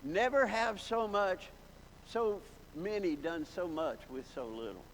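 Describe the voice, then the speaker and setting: A man's voice: high-pitched, animated, unhurried. A man preaching a sermon, telling folksy stories from his past and building to emphatic exclamations. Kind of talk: sermon with storytelling. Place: large church hall. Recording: long hall reverb, faint background noise.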